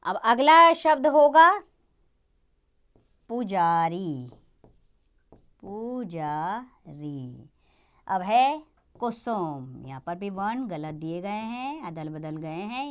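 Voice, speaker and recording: A woman teaching a Hindi lesson for children, speaking slowly, clearly and encouragingly. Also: mid-range voice, a bit bright.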